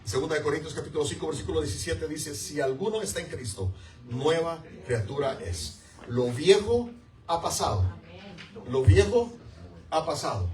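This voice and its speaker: A man's voice: fairly high pitch, expressive, moderate pace, a little mellow. A man preaching a sermon as pastor, emphatic and repeating key words while calling on the congregation to answer. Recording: echoey room, mic far off.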